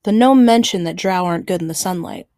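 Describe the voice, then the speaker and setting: A woman's voice: lowish voice, quick pace, dark tone, no room sound, clean studio sound. A woman chatting casually as a player in a tabletop role-playing game. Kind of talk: casual chat.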